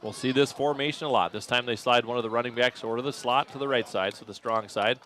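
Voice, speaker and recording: Calling play-by-play for a local radio football broadcast, this announcer speaks fast over slight background noise. His steady call jumps in pitch and volume when a play breaks open, and he thinks aloud, correcting himself on the spot.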